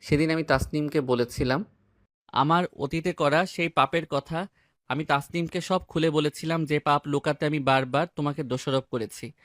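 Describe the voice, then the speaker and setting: A man's voice: on the high side, fairly even intonation, moderate pace, a bit bright. A man narrating a dramatic first-person audio story, anxious and despairing.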